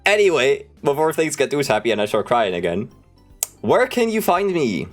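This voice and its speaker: A young man chatting casually on a livestream, telling stories in an animated, sweary way. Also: medium pitch, moderate pace. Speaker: streamer. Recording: music playing behind the voice. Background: background music.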